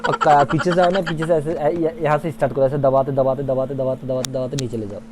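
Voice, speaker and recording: Young man, mid-pitched, wheedling and pleading, faint background noise, home video. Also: fairly even intonation, quick pace. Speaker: vlogger playing a prank. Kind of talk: casual home prank vlog.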